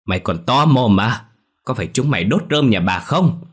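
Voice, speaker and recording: Man playing a shouting old village woman, raised pitch, loud, story reading. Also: lively intonation, normal speed, husky. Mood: angry. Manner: shouting, accusing.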